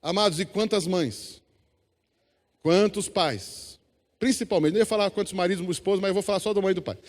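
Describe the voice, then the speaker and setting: A Brazilian man preaches from the pulpit with a notably high voice, urging the congregation to answer and repeat after him. His voice rings out with the long reverb of a church hall. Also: fairly quick. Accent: Brazilian Portuguese. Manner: exhorting congregation, call-and-response. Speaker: pastor. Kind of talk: sermon.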